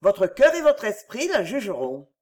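A woman reading an audiobook, voicing a poised aristocratic lady who speaks calmly. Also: mid-range voice, normal speed. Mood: composed.

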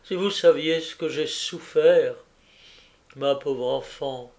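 A man's voice: on the high side, takes it slowly, darkish tone. A shaken young woman with a trembling, distressed delivery, her voice a little raised, as a male narrator reads her. She sounds worn out by fear.

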